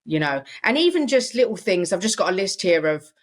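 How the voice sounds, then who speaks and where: A woman's voice: medium pitch, big pitch swings, fairly quick. A young adult woman co-hosting a casual podcast chat, earnest and reflective, with frequent "you know" fillers. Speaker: podcast co-host.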